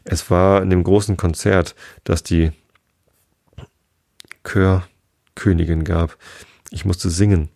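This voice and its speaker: A man's voice: low-pitched, steady tone, slow pace, gravelly, long pauses, a little mellow, no room sound, full character voice. A man voicing a sad, fussy Hatter at a tea party, speaking with sighs. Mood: sorrowful. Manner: sighing, sorrowful.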